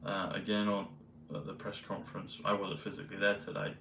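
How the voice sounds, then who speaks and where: Low flat-voiced man rambling. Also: background noise. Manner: meandering, hesitant, many pauses and fillers. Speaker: vlogger. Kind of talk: rambling casual monologue. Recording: roomy, mic at a distance, faint ambience.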